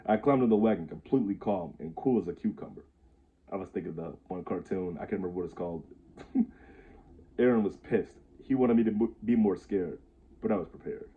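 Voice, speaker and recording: A man's voice: low-pitched, brisk. A man in his twenties casually reading aloud his own handwritten story, stumbling over the words and chuckling at himself. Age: 20s. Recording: tinny phone-like audio.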